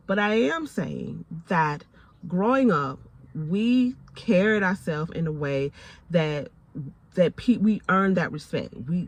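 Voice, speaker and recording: On a faith and lifestyle vlog, a Southern American woman in her forties with a voice on the low side preaches to camera with emphasis. She repeats phrases to drive points home and calls her listeners honey.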